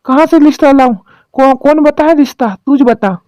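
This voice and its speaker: A woman voicing a mellow village mother-in-law. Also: high-pitched, normal speed, dry recording, lo-fi sound, natural voice. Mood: worried. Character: worried rural mother-in-law, middle-aged woman. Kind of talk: cartoon drama dialogue.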